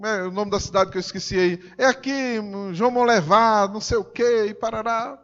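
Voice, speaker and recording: A woman's voice: mid-range voice, moderate pace, in a large hall, muffled recording, close to an everyday voice. A preacher voicing a stubborn elderly mother who fusses at her son. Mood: chatty. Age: older. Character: elderly mother on a road trip, fussy and stubborn.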